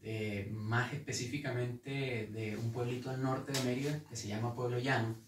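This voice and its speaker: A Venezuelan-accented man speaks earnestly at an ordinary pitch, often repeating words as he finds his way. He sits back from the mic. The room around him rings. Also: steady tone, moderate pace, noisy background. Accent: Venezuelan Spanish. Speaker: guest guitarist. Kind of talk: casual interview. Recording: echoey room, mic at a distance.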